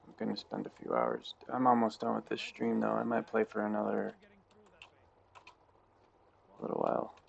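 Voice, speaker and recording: A man's voice: lowish voice, normal speed, creaky, long pauses. A man streaming a video game live, talking to chat in an offhand, rambling way. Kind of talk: live gameplay commentary. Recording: dull lo-fi mic, steady background noise.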